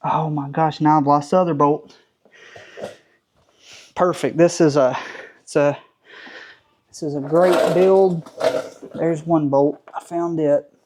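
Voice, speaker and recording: With a Southern accent, a car restoration vlogger in his thirties talks casually and jokes at himself while working on a truck in his home garage. His voice is on the high side, steady and a little mellow, and he speaks slowly with frequent pauses.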